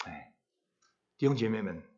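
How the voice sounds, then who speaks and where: A male pastor giving a sermon, asking the congregation rhetorical questions and swelling loud on key phrases, on a handheld microphone. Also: lowish voice, animated, moderate pace, highs cut off. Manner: rhetorical questions to the congregation, dramatic rises in volume.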